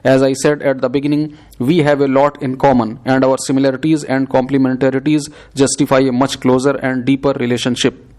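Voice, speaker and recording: A man reads scripted text as dictation for a shorthand exercise. His delivery is measured and steady, keeping to a flat, even line. The voice sits at an average male pitch. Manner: dictating, measured and steady, read aloud word by word.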